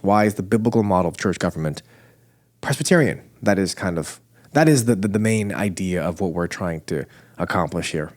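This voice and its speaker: A man hosts a church podcast in casual conversation, his nasal voice on the low side with a darkish tone. Joking about himself, he rambles and keeps starting over.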